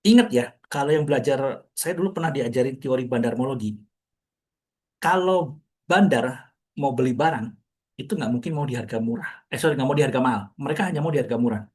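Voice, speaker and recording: A man's voice: medium pitch, fairly quick, a little mellow. A man explaining the stock market to an audience in a casual, chatty way, posing rhetorical questions and answering them himself.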